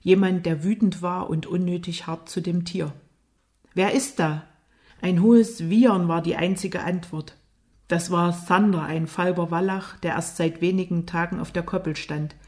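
A woman reading a novel aloud as narrator, with expressive storytelling. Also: fairly low pitch, moderate pace. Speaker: audiobook narrator. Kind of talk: scripted narration.

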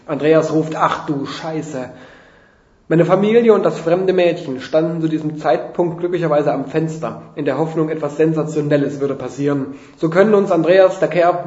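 In a roomy, dull lo-fi recording, a man reads a humorous first-person tale in a dry, mock-dramatic tone. His voice is warm and fairly high-pitched.

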